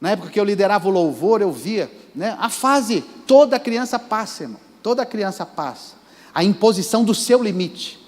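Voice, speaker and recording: A Brazilian pastor delivers an emphatic sermon in a fairly high voice, calling out directly to his listeners. The sound rings with the long reverb of a church sanctuary. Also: animated, normal speed, darkish tone. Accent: Brazilian Portuguese. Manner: emphatic, addresses the congregation directly.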